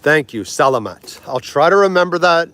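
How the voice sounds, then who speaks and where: With a slightly high, animated voice and fairly bright tone, this man in his forties hosts a relaxed livestream with no room sound. He chats away with viewers, laughs easily, and slowly tries out foreign words.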